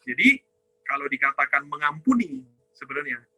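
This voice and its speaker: A man with a high, very bright and forceful voice gives a ministry teaching talk. He poses rhetorical questions and answers them himself, dropping a questioning "ya" after nearly every phrase. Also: big pitch swings, normal speed, husky, no echo, poor audio. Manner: asks and answers his own questions, tags lines with "ya"; addresses listeners as "saudara". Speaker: ministry teacher on inner healing.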